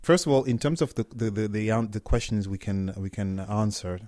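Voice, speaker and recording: A startup co-founder from Cameroon, a middle-aged man, speaks casually as an interview guest, relaxed and often restarting his words. His voice is lowish, his pace fairly quick, and there's no echo on the recording.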